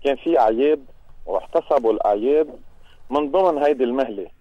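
A man's voice: medium pitch, fast, dry recording, phone-quality sound. A man with a Lebanese accent explaining things as a radio guest, repeating phrases for emphasis. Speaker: transport union representative, radio guest.

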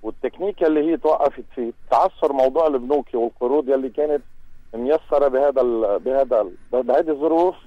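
A man's voice: medium pitch, fast talker, no echo, phone-quality sound. A man with a Lebanese accent explaining things as a radio guest, repeating phrases for emphasis. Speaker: transport union representative, radio guest.

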